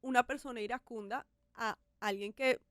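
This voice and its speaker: Candid high-voiced woman host. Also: normal speed, dry recording, studio quality. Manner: candid, animated, acts out her own shouting. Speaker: podcast host. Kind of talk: casual podcast conversation.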